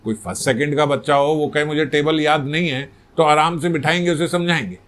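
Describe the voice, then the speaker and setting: A male spiritual teacher narrates a devotional story in a relaxed, conversational sermon. His voice sits fairly high. He often turns to the listeners with rhetorical questions. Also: brisk. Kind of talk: religious katha sermon.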